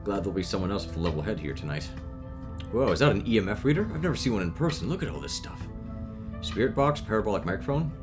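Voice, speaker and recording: A man reads a friendly, level-headed character from a story game. The manner is easygoing and reassuring, the voice deep. Soft music sits in the background. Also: sing-song, quick pace. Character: friendly level-headed adult who says y'all.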